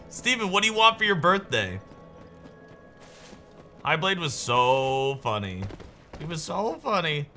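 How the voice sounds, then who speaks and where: A young man chats while he plays a game on stream, rambling and joking, with sudden excited yelps. His voice sits fairly high and rings very bright. His pitch swings widely as he talks. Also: slow pace, long pauses, soft background music. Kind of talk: casual chat while gaming.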